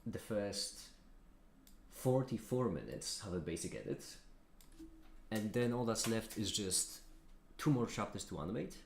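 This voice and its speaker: Low-voiced man musing in an echoey room. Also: animated, measured pace. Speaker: video creator hosting a livestream. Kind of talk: casual chat while working. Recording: echoey room with clear background noise.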